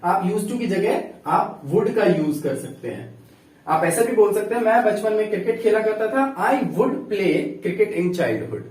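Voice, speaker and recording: Lively-pitched man teaching grammar, echoey room. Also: recorded from a distance. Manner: explains slowly, dictating example sentences word by word. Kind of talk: classroom-style grammar lesson.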